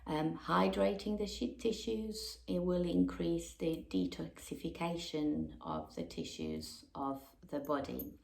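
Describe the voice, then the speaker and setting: A woman yoga teacher explaining a practice off the cuff, halting often with ums and restarts. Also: sits low, animated, gravelly. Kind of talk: unscripted explanation. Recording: echoey room.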